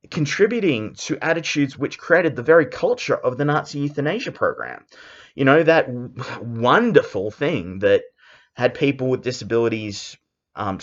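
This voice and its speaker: A man with an Australian accent, speaking in an intense, emphatic monologue full of halting restarts. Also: on the high side. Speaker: commentary vlogger. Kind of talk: unscripted ranting monologue. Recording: dull lo-fi recording.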